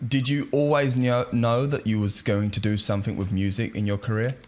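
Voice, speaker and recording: A man's voice: on the low side, fairly even intonation, a little fast, a little mellow. A man hosting a podcast, asking short, friendly questions of his guest. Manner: friendly, brief prompting questions. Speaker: podcast host. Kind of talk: scripted intro then interviewing.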